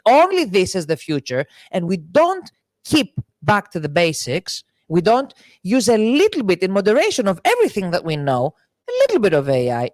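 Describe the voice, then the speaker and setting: A woman's voice: fairly low pitch, a little mellow, no echo. Earnest woman explaining at length. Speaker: guest from an education company. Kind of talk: conference interview.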